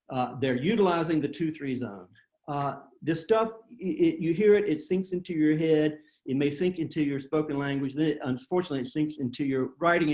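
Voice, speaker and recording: A man's voice: mid-range voice, a little mellow, reverberant. A man giving a writing workshop on a video call, plain-spoken and self-deprecating, with frequent fillers and restarts. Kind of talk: webinar presentation.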